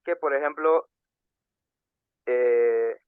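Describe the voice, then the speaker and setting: A young man co-hosting a casual podcast, earnest and halting, with many fillers and restarts. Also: medium pitch, clean tone, no echo. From Panama. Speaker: podcast co-host. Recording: tinny phone-like sound.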